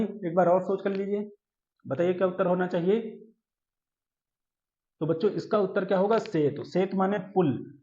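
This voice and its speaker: High-voiced teacher in an echoey room. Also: male voice, mellow. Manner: addresses students as "children", quizzes them, chants verse slowly. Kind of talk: exam-prep lesson. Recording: echoey room, dull lo-fi sound.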